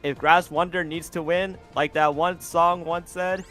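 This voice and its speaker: A man casting an online racing tournament, getting loud and excited during the race calls. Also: on the high side, faint music behind. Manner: excitable, rises to loud fast calls at the finish. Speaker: tournament caster. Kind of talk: esports race commentary.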